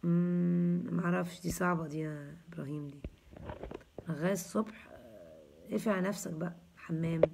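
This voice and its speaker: A woman's voice: fairly low pitch, a little fast, vocal fry, long pauses, darkish tone, slight background noise. A woman in her thirties with an Egyptian accent, hosting a casual live chat and answering viewers with jokes and teasing. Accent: Egyptian Arabic. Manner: joking, teasing, chatty. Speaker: host answering viewers' comments.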